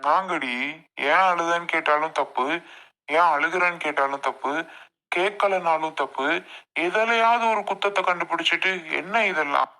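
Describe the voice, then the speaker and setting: Played by a woman, an exasperated young husband in a domestic comedy skit, impatient and bickering. The voice sits low for a woman and comes across bright. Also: moderate pace.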